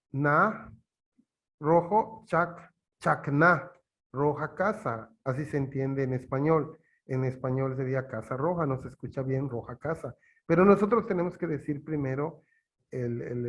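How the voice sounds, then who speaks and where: A man teaching in an interview, from Yucatán in Mexico with a Yucatán Spanish accent, explaining slowly and haltingly with many fillers. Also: medium pitch.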